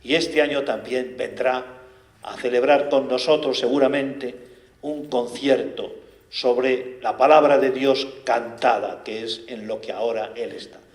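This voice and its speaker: A man leads a Bible reflection in a calm, unhurried way, pausing now and then to clear his throat. His mid-range voice carries the ring of an echoey room. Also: mid-range voice. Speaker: friar leading a lectio divina. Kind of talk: spoken Bible commentary.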